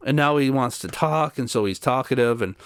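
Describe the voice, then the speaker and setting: A man talks straight to camera in a casual, worn-out voice, sounding fed up as he walks through what happened. His pitch sits in a middling range. The sound is dry and close, with no room echo. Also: brisk, clean tone. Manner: weary, exasperated retelling of events. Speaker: channel host.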